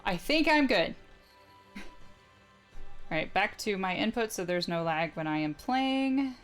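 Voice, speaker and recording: A woman's voice: mid-range voice, expressive, measured pace. A young woman streamer chatting casually and joking at herself during a let's-play live stream. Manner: chatty, giggly, self-mocking. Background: game music.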